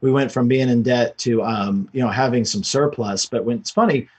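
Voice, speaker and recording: Talking at a moderate pace with a medium-pitched, slightly breathy voice, this man recounts his personal story as a guest on a podcast. He's a real estate investor, and his telling is relaxed, rough around the edges and wandering.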